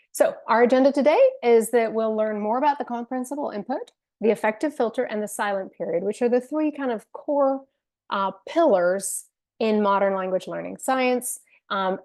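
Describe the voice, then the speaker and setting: This woman's voice is mid-range, a little mellow, and moderately paced as she earnestly presents an online webinar for teacher training. Talking into a computer mic on a video call, she has some fillers and restarts; she co-founded the company, has Venezuelan family roots, and was raised in Spain and the UK.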